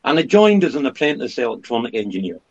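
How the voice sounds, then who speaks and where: A man in his fifties from the Scottish Highlands, with a Highland accent, talking casually and candidly about things in a conversational, storytelling way. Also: sing-song, quick pace, darkish tone. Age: 50s. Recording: dull lo-fi sound.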